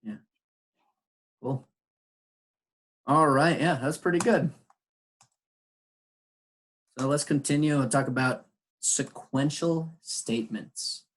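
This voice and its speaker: English teacher, male, slightly husky, patient explainer on a video call. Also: medium pitch, slow, long pauses. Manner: patient, explains words with examples. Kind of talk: online English lesson.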